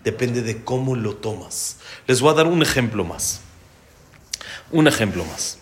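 A man teaching a religious lesson to a live audience, telling stories with animated rhetorical questions. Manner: animated, quick pitch swings, asks rhetorical questions. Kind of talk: sermon-style storytelling to an audience. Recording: echoey room.

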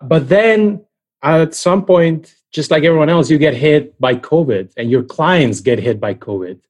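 A man's voice: on the high side, unhurried, darkish tone. A man working as an interviewer, asking business questions in a conversational style.

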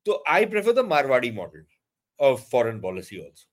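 A man's voice: mid-range voice, huge pitch swings, fast talker. A man from India with a North Indian accent giving opinionated analysis in an interview, speaking emphatically and slipping between languages mid-sentence. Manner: emphatic, code-switches into Hindi and Punjabi mid-sentence. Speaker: foreign policy commentator.

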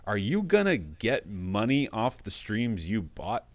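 A man hosting a show, chatting in a relaxed, casual way with a guest and using lots of filler words. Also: lowish voice, unhurried, no echo. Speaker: podcast host. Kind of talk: casual interview chat.

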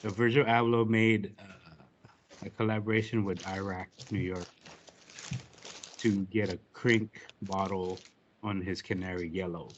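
A man's voice: low voice, steady tone, a little slow, dull audio, a little hiss or hum. A man guesting on a casual podcast, easygoing with short answers about his artwork.

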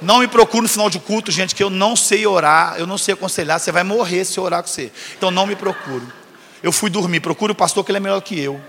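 A pastor delivers a comic sermon, his raised voice ringing through a long, reverberant church hall. He talks at a brisk clip and slips into the voices of the people in his stories. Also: high voice, creaky, fairly bright tone, a little hiss or hum. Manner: acts out dialogue, teasing congregation with jokes. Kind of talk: humorous storytelling sermon.

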